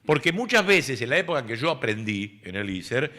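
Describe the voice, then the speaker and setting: A man's voice: medium pitch, big pitch swings, fairly quick, sharp tone. An Argentine man in his sixties, a radio host and speech teacher, explaining word usage in a didactic way. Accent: Argentine Spanish. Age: 60s. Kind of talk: casual radio chat.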